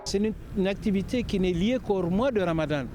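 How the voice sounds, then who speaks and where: A man's voice: high-pitched, brisk, over music. A man explaining in an interview, emphatic, often repeating his phrasing. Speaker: interviewee explaining local religious custom.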